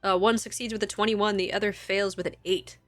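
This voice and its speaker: A woman's voice: mid-range voice, steady tone, brisk, a bit bright, faint music behind. A woman acting as game master, narrating a tabletop game in a casual way with easy laughs between rules calls.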